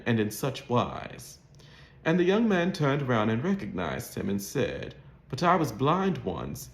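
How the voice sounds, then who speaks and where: A man with a modern Mid-Atlantic accent, reading in a formal, carefully enunciated, scripted literary style. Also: mid-range voice. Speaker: host of an accent practice channel. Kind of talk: scripted read-aloud of a literary short story. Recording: roomy, echoing sound.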